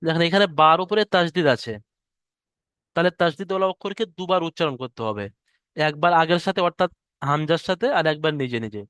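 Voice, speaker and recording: A man teaching an online Quran reading class, slowly drawing out letter sounds to demonstrate them. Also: a little high, fairly bright tone, clear, resonant tone, dry recording, clean studio sound. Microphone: headset or computer mic on an online class call.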